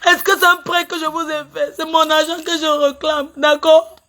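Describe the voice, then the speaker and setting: A woman's voice: sits high, level tone, normal speed, fairly bright tone, a little hiss or hum. Tearful, indignant woman ranting live. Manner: agitated, repetitive, indignant questioning. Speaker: livestreamer airing a complaint. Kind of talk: emotional social media live rant. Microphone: phone on a live stream.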